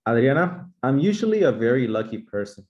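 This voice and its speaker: A man teaching English in a brisk, encouraging way, drilling grammar with his class in a comedic sketch. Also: mid-range voice, big pitch swings, darkish tone. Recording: slightly muffled lo-fi recording.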